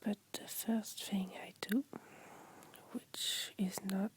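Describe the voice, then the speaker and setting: A woman with a French accent speaks in a hushed ASMR whisper. She takes her time, explaining gently in simple words, and her delivery stays very even from phrase to phrase. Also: medium pitch, slow.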